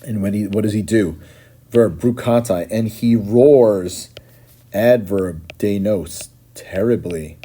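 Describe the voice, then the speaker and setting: Slow, dark-voiced male teacher. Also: lowish voice, husky. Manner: patient, explanatory, often checks in with "right?". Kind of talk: classroom explanation, translating line by line.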